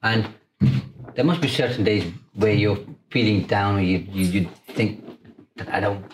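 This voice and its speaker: A man's voice: fairly low pitch, moderate pace, echoey room, a little hiss or hum, rough recording. A man with a British accent speaking conversationally as an interviewer.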